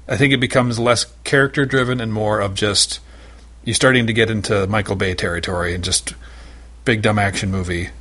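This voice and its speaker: A man's voice: on the low side, fairly bright tone, breathy edge. A man talking as a panelist on a casual podcast, rambling and hesitant with many fillers.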